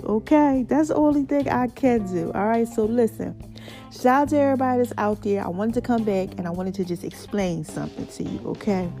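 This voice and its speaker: A woman podcast host with a voice on the high side delivers a casual, excited motivational monologue. Stitches from mouth surgery give her a slight lisp and a mouthful-sounding delivery, and she speaks in an excited, folksy way, repeating phrases for emphasis.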